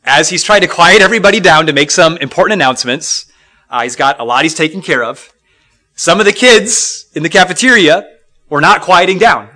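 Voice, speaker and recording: A middle-aged man from Minnesota gives a Bible lesson. He sounds bright and forceful, earnest and reflective, and often pauses on fillers or starts a sentence over. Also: a little high. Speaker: Bible class teacher.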